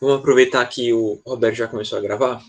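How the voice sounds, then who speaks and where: A man's voice: medium pitch, steady tone, fast. A man with a Brazilian Portuguese accent, an English teacher giving an online class, explaining step by step and checking in often with the students.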